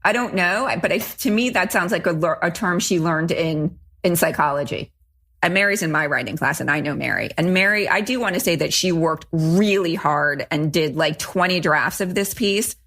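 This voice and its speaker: A woman's voice: on the low side, moderate pace, fairly bright tone. A woman co-hosting a podcast, talking casually and emphatically about a student's story, often restarting sentences. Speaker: podcast co-host.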